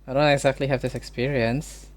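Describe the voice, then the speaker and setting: A man streaming casually, arguing playful debate prompts with joking disbelief and quick exclamations. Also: mid-range voice, level tone. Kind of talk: casual solo stream chat.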